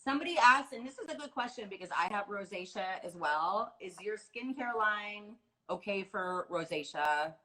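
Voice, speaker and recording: A woman's voice: medium pitch, expressive, normal speed, few pauses, pushed and bright, a little hiss or hum, rough recording. A woman hosting a radio interview, enthusiastic and gushing, swearing casually. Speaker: radio host.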